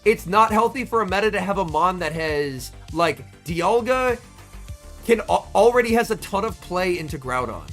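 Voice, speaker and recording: A young man who is a bit under the weather streams excitable, talkative commentary at a tournament watch party and responds to his chat by name. His voice sits high at a moderate pace, backed by soft music.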